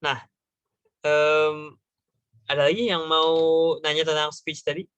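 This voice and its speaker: Young male tutor, casual and slangy, with a bright, fairly high voice and a dry, close sound. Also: level tone, takes it slowly, smooth, no echo. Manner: slangy, chatty, repeats points with "gitu ya". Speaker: workshop tutor. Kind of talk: casual online class lecture.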